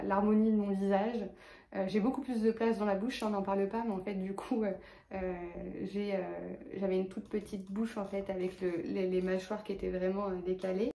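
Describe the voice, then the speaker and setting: A woman's voice: mid-range voice, warm tone, roomy sound. A woman with a lisp on her s sounds, talking casually and hesitantly in a personal vlog update. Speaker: vlogger.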